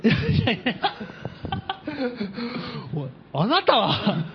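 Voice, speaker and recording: A man's voice: very high-pitched, very animated, drawn-out words, lo-fi sound, noisy background. Playful man hosting a radio chat. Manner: playful, laughing, conspiracy-teasing. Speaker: radio host.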